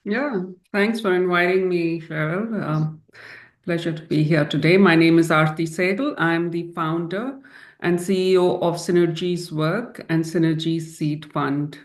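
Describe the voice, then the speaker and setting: A woman's voice: on the low side, a little slow. A middle-aged woman introducing herself as a panelist on a webinar video call. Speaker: panelist, company founder. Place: indoor room, video call.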